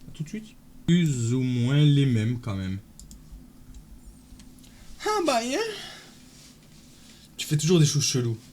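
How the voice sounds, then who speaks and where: A man's voice: mid-range voice, animated, moderate pace, warm tone, a little hiss or hum. A man streaming live, casually bantering and teasing his chat and friends.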